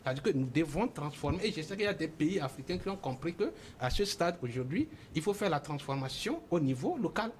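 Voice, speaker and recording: A man's voice: on the high side, sing-song, a little fast, few pauses, slight background noise. A man from Togo speaking as a guest on a TV panel, with many fillers and restarts. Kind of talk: TV panel discussion.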